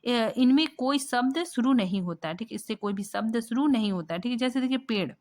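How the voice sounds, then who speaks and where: A woman teaching a grammar lesson from slides, patient and repetitive, often pausing with fillers and checking in with a rising question. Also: a little high, animated, darkish tone. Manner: checks in constantly with "ठीक है?", rising; patient, repeats points, thinks aloud with fillers.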